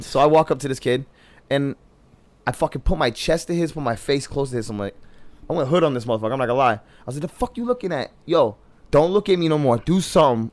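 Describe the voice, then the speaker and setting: A young man co-hosting a podcast, telling a story in casual, profane chat and loudly quoting himself. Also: medium pitch. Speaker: podcast co-host.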